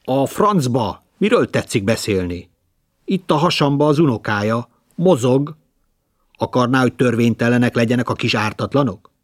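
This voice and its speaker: A man's voice: medium pitch, animated, hardly any pauses, no room sound, clean studio sound, close to an everyday voice. A man voicing a scheming young actress who talks in a mocking, showy way. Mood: indignant.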